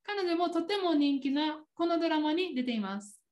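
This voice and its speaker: A woman's voice: high voice, lively intonation, moderate pace, darkish tone. A woman with a Kansai Japanese accent chatting casually on a podcast, laughing often as she explains. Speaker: podcast co-host. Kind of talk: casual chat.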